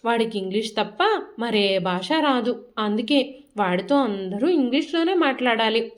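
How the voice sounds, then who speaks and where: A woman narrates a family drama as a scripted story, measured and reflective in her delivery. Her voice sits high.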